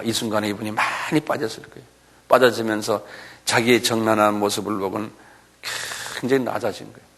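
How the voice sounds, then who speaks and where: A middle-aged male pastor preaching a sermon, acting out quoted lines with shouts and often asking the congregation "예?". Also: fairly low pitch, gravelly, husky. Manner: acts out quoted voices, shouting and pleading; asks the audience "예?" often.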